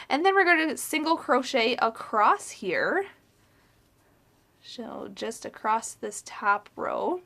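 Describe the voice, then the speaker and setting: Young adult woman, crochet teacher, calm methodical counting, slightly high voice. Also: creaky. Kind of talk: step-by-step tutorial instruction.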